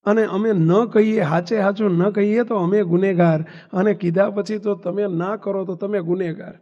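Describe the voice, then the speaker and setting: A man's voice: high-pitched, fairly even intonation, normal speed, mellow. A man with a Gujarati accent, a swami giving a sermon to young people, preaching, asking the crowd questions and telling stories. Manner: preachy, asks the audience questions, tells anecdotes. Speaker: swami giving a discourse to youth. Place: hall at a religious gathering. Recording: dull reverberant hall recording.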